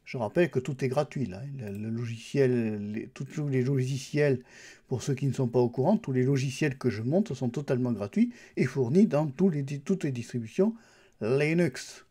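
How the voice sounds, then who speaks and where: A man with a mellow, slightly rough, medium-pitched voice speaks at a moderate pace. He is a YouTuber doing a casual screen-recorded walkthrough of a Linux distribution, musing aloud to the viewer about its settings and apps.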